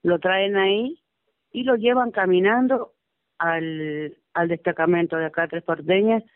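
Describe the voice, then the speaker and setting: A middle-aged woman calls in to a radio show, giving phone-in testimony about her son's arrest in an anguished, pleading way. Her voice is fairly low and a little slow, with no room sound, and it comes through a tinny phone line.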